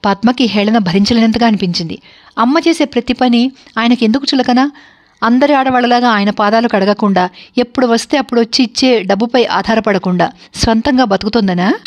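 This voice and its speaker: A woman narrating a family story for an online video in a calm, steady manner. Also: on the high side, fairly quick.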